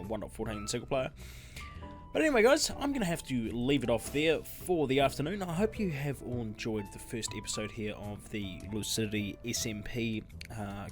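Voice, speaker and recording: A man giving casual gameplay commentary as a YouTuber. He rambles, interrupts himself and chuckles as he talks. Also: medium pitch. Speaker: gaming YouTuber.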